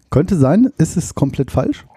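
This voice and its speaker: A man chatting casually on a podcast, playful and teasing. His voice is very dark and a little husky, with a lively, swinging pitch. It sounds dry and close, with no room around it. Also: dry recording. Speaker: podcast co-host. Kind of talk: casual chat.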